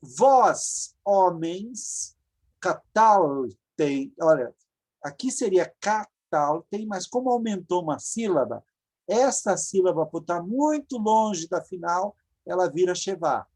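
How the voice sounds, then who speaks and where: Her voice is lowish, husky and darkish, expressive and slow-paced. She's a Brazilian woman with a Brazilian Portuguese accent giving an online Hebrew grammar lecture by video call, patiently explaining and repeating forms for the students.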